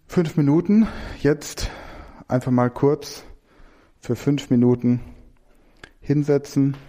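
A man teaching a lesson, thinking aloud as he builds mind maps, correcting himself and reciting lists of verbs in a steady rhythm. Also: mid-range voice, slow pace.

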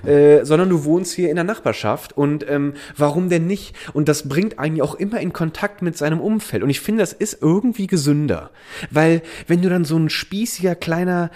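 A man's voice: fairly high pitch, normal speed, darkish tone. Rambling, laughing German podcast man. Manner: rambling, laughs often, many restarts. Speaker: podcast co-host. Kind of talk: casual chat.

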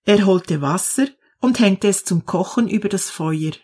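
A woman reading a storybook aloud in a calm, measured storytelling manner. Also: mid-range voice, husky. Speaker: narrator.

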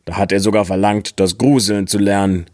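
Tired stern father, man voicing him a bit higher than his narration, storybook. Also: little pitch movement, fairly quick, a little mellow, dry recording, studio quality, close to an everyday voice. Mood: stern, weary. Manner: stern, weary. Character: worried, sighing old father.

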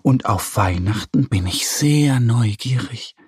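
A man's voice: medium pitch, expressive, slow pace, darkish tone, breathy edge, dry recording, studio quality, heavily acted. A man voicing a friendly, curious little moon man in a children's story. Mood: gentle.

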